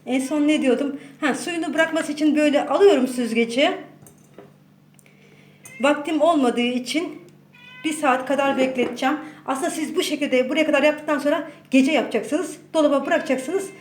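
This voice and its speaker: A woman with a high voice and moderate pace hosts a casual home cooking tutorial, chatting to her viewers like friends as she works. The recording has a roomy echo and faint background noise.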